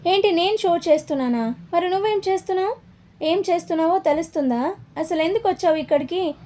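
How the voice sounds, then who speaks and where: Stubborn young husband done by a woman, high mellow voice, keeps pushing. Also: fairly quick. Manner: emphatic, insistent questioning. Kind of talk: storybook dialogue reading.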